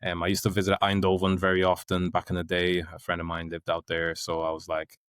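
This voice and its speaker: A man born in Nigeria and raised in Ireland, hosting a relaxed, easygoing podcast chat. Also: deep voice, brisk, clean tone, dry recording, clean studio sound. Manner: relaxed, easygoing, lots of backchannel. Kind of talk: casual chat.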